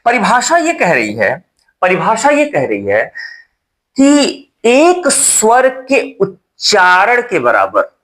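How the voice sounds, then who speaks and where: A man's voice: high-pitched, huge pitch swings, takes it slowly, a bit bright. A young man teaching a Hindi exam-prep lesson at a board, repeating key terms and checking with rhetorical questions.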